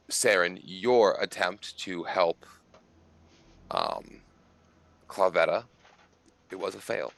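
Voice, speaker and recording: A man narrating as game master of a tabletop game, casual and halting, with many fillers. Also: low-pitched, creaky, fairly bright tone.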